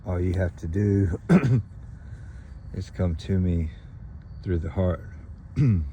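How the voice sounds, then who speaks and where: A man with a very low, mellow voice speaks slowly and earnestly, delivering a spiritual message to followers. He pauses often and keeps clearing his throat. A faint hum sits behind him. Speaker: spiritual channeler.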